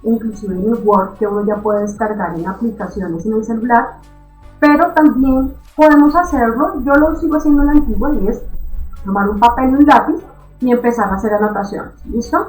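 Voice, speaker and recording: A woman teaching an online reading lesson in a lively, encouraging way, often checking in with her students. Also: a little high, brisk, roomy sound, faint music behind, low-quality recording. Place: recorded for an online class.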